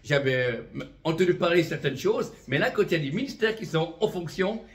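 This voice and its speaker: Brisk and animated, this slightly high voice belongs to a Vietnamese-born man in his fifties. He's a traveling prophetic minister offering a fervent religious testimony, regularly inserting "amen" and "voilà" and chuckling lightly.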